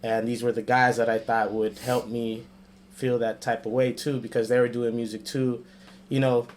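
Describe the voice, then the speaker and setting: A man's voice: mid-range voice, level tone, moderate pace, a little mellow, slight background noise. A man, a rapper and podcast regular, talking loosely in a casual podcast chat and laughing between phrases.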